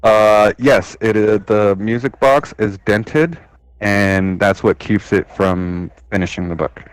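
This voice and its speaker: A man running a tabletop game as game master, narrating in a relaxed, unhurried way. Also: lowish voice, clear, resonant tone, no echo, poor audio.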